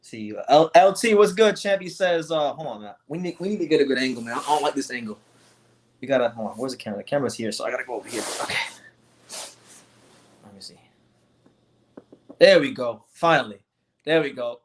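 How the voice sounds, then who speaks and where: A young man from South Florida hosting a casual livestream, talking in an animated way with lots of restarts and swearing. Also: medium pitch, fairly quick, long pauses. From South Florida, USA. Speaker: livestream host. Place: home, sitting on a beanbag chair.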